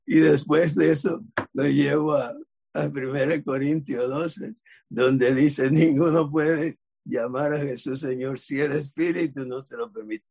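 A man's voice: medium pitch, vocal fry, breathy edge. A man from Cuba, casually sharing a testimony with a church group and acting out the dialogue as he retells it. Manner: lively retelling, acts out quoted dialogue.

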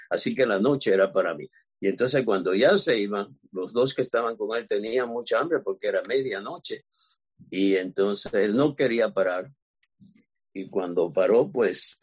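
Husky guy preaching his testimony, storyteller vibe, acts out the quotes. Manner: animated storytelling, acting out quoted lines with jumps in pitch.

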